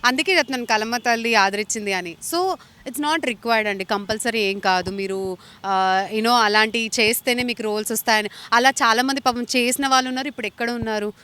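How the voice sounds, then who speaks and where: A woman's voice: a little high, a little fast, bright, forceful tone, smooth. A young woman from India answering interview questions earnestly and mixing English phrases into her speech. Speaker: actress interviewee.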